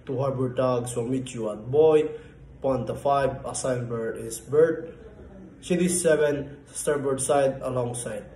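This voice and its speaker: A man's voice: mid-range voice, unhurried, dark tone. A man playing a port control operator answering on marine radio, formal and clipped as he gives instructions. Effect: marine radio call. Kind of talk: scripted marine radio procedure. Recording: echoey room with faint background hum.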